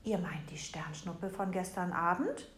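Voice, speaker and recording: A woman voicing a quiet, thoughtful male hare in a storybook reading, speaking in a hushed, dreamy way. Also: on the low side, a little slow, reverberant, slight background noise, natural voice.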